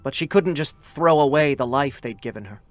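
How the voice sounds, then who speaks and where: Speaking at a moderate pace in a higher register, this actor narrates solemnly as an earnest young scout android from a game, with only light acting. No room sound is audible, though music runs beneath his voice.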